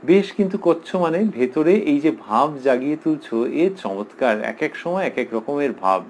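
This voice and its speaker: A man with a Bengali accent giving a slow, explanatory spiritual discourse, reading passages aloud and commenting on them. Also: mid-range voice, lively intonation, a little hiss or hum, rough recording. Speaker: lecturer on scripture.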